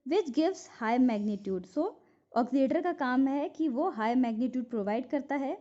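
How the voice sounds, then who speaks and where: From notes, an Indian-accented physiotherapy teacher gives an instructional lecture, going over key points repeatedly so they stick. Her fairly high voice is mellow, and the lo-fi recording sounds dull.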